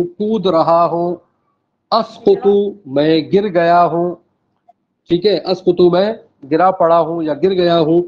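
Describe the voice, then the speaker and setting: Male teacher, classroom lesson, slightly high voice, patient word-by-word explaining, muffled lo-fi sound. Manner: explains word by word, repeats, checks with "okay". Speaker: Arabic teacher. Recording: dull lo-fi classroom recording.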